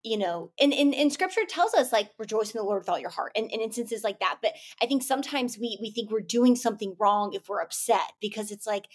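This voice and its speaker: A woman's voice: a little high, expressive, brisk, hardly any pauses. Heartfelt young woman podcast host. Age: young adult. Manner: heartfelt, searching, with many fillers. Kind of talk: faith podcast conversation.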